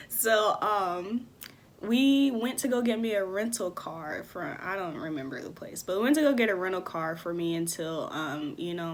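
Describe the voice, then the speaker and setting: Young woman telling an animated storytime. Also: lowish voice, a little hiss or hum. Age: 20s. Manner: animated, acts out quoted people. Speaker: vlogger. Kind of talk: casual storytime. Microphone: phone camera.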